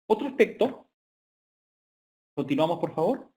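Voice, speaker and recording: A man's voice: sits high, very animated, measured pace, warm tone. Hesitant man lecturing on business. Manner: hesitant, frequent filler sounds. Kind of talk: online business lecture with slides.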